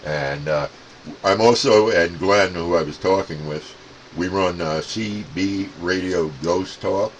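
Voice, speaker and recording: A man from upstate New York, USA, chats casually over CB radio as an amateur operator and channel co-host, trading call signs and radio jargon. His voice is low and he speaks slowly, on a low-quality recording with a little hiss or hum.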